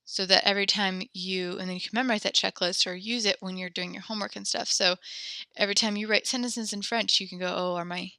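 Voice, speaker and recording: A young woman teaches a French class online, explaining step by step in a patient, encouraging way while sounding slightly out of breath, close to a headset or desk mic. Her mid-range voice holds a steady tone, pushed and bright, and she talks fast with no room sound.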